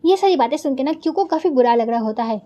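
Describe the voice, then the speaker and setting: A woman's voice: high voice, animated, fast talker, dark tone. A woman narrating a drama recap in a chatty storytelling way, retelling each line of dialogue and adding her own asides to viewers.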